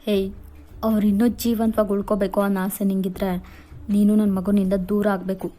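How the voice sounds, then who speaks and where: A woman's voice: mid-range voice, level tone, fairly quick, dark tone, lightly acted. A woman voicing a ruthless, domineering rich father who coldly threatens a young woman in a fan fiction voiceover. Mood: menacing.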